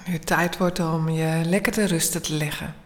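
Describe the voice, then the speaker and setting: A woman leading a guided bedtime meditation in a soothing, hushed, often near-whispered voice with long pauses. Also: low-pitched, fairly even intonation. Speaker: guided relaxation instructor.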